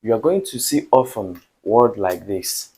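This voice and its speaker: A man from Nigeria teaching a beginner language lesson, speaking slowly and repeating each word for practice. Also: fairly low pitch, expressive, warm tone, a little hiss or hum.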